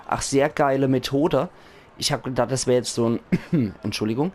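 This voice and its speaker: A hoarse man with a Palatinate German accent, chatting enthusiastically as he comments on a video game. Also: mid-range voice, moderate pace, darkish tone. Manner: chatty, enthusiastic, laughs often. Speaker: let's play host. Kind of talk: casual gaming commentary.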